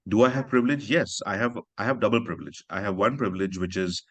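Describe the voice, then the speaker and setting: A Pakistani author speaks earnestly and reflectively in a conversational literary chat on a festival stage, often adding "you know" and "right." His fairly low voice moves fast, with no room sound.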